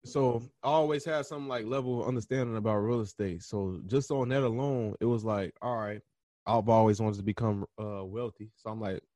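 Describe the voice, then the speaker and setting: A young man hosting a podcast, answering interview questions in a relaxed, slangy way, often pausing and restarting as he thinks aloud. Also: on the low side, dry recording. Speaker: podcast host being interviewed. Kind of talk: casual interview conversation.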